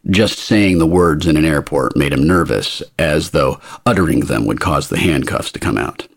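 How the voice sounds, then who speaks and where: Deep husky male narrator. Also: lively intonation, normal speed, no echo, studio quality. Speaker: audiobook narrator. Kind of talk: scripted narration.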